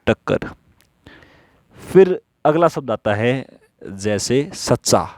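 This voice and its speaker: A man teaching stenography in a slow classroom style, who asks questions and answers them himself while repeating the rules. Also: mid-range voice, big pitch swings, a little mellow, dry recording.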